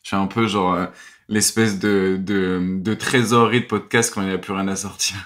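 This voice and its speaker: A man speaking as a podcast guest in casual chat, with halting phrasing and repeated starts. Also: sits low, fairly even intonation, fairly bright tone. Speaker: podcast guest, basketball commentator.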